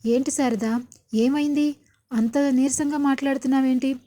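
A woman reading the lines of a reassuring middle-aged husband in a serial retelling, firm and steady. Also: sits high, normal speed, close to an everyday voice.

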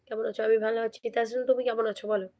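Hoarse woman on a live stream, kinda high voice, keeps asking everyone to comment n subscribe. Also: level tone, racing, darkish tone. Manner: chatty, keeps urging viewers to comment and subscribe. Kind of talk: casual live-stream chat.

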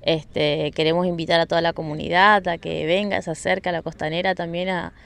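On a riverside beach, an Argentine event organizer gives a street interview into a handheld mic held by the interviewer, speaking in a friendly, unhurried way full of fillers, restarts, and repeated words. Her voice is on the low side, creaky and a bit bright, with little pitch movement.

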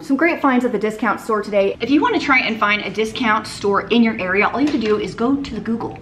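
A family vlogger in her thirties, with a mid-range voice, films herself in her home kitchen on a close-held handheld camera, with slight background noise. Chatty and upbeat, she walks through her groceries item by item, noting the prices.

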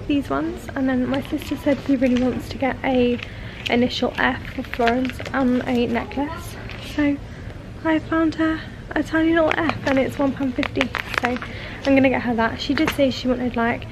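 A woman in her twenties chatting enthusiastically to camera in a lifestyle vlog, full of likes and literallys. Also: high voice. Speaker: lifestyle vlogger. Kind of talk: casual vlog chat to camera. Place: home and shops, indoors. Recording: roomy sound, distant mic, clear background noise.

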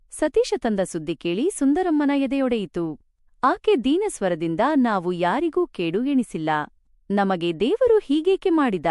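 A woman storyteller reading a romance novel aloud in an expressive, dramatic way. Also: a little high, no echo, clean studio sound.

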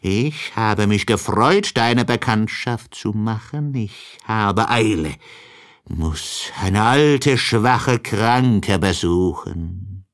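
Man reading as a sly wolf, low voice, slow drawl, storybook. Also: lively intonation, heavily acted. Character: sly cunning male wolf, mocking.

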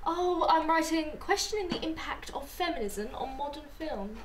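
A woman's voice: high voice, animated, normal speed, crowd noise. A young actress playing an anxious, vulnerable woman abused by her boyfriend in a naturalistic short film. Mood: affectionate. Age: young adult. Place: indoors in rooms of a house. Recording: roomy, distant mic, faint noise.

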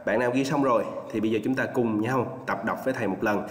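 A male teacher with a Vietnamese accent giving an online English lesson, drilling pronunciation and repeating words slowly for his students. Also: mid-range voice. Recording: echoey room with long reverb.

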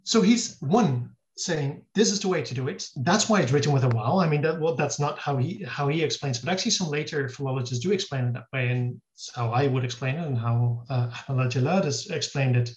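A man's voice: medium pitch, brisk, hardly any pauses. A man, a guest scholar, explains at length in an interview, thinking aloud and restarting his sentences. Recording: dull lo-fi audio.

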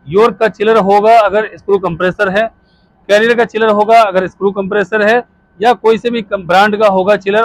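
A man in his thirties teaches on a rooftop next to a chiller, going through the parts step by step as he points them out. His voice sits high for a man. The phone recording is close and dry. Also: dry recording, rough recording. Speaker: HVAC instructor. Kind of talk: hands-on technical explanation. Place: outdoors on a rooftop beside a chiller unit. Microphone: phone camera held by a helper.

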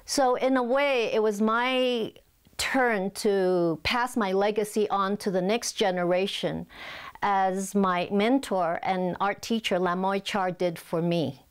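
A woman in her sixties from Hong Kong, an artist telling her story calmly in an interview on a lapel mic. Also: medium pitch, smooth. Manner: calm, measured storytelling. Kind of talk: documentary interview. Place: living room, indoors.

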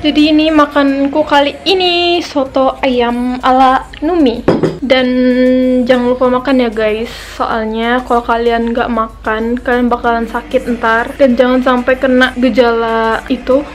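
A woman's voice: high-pitched, level tone, a little slow, faint music behind. A woman in her early twenties from Indonesia, chatting casually to viewers while cooking in a small apartment kitchen, filmed on a camera held at arm's length. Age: early 20s. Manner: chatty, addresses viewers as guys. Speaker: vlogger. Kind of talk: casual vlog chat. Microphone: handheld camera at arm's length.

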